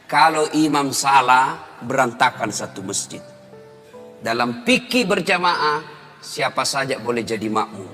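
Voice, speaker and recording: A male preacher telling funny stories in a sermon, animated and jumping to high shouts at the punchlines. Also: a little slow. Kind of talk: humorous sermon storytelling. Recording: long hall reverb, faint music.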